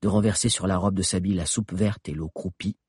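A man with a husky voice narrating an audiobook in an expressive storytelling manner. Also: low-pitched, a little fast, dry recording, studio quality.

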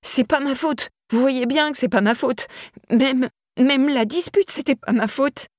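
A frightened young woman pleads her innocence in a raised, strained voice, as a female audiobook reader puts her on. Her words run breathy and husky, tumbling out in panic, and the dry close sound leaves no room around them. It is storybook reading with a lifted pitch. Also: normal speed, darkish tone, dry recording. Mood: pleading. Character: anxious young woman questioned by police.

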